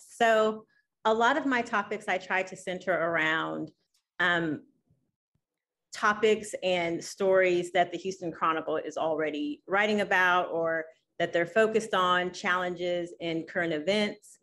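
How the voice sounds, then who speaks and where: Thoughtful woman panelist, low voice. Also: fairly bright tone. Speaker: panelist, newspaper columnist. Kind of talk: answering on a virtual panel. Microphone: video call.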